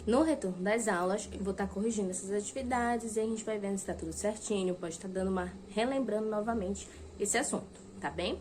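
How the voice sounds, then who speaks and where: A woman's voice: medium pitch, a little mellow, a little hiss or hum. A young adult woman teacher with a Brazilian Portuguese accent, patiently explaining a lesson to children and stretching out key words. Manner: patient, repeats key words slowly and checks in with "tá?". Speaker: primary school teacher. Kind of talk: recorded video lesson for fourth graders.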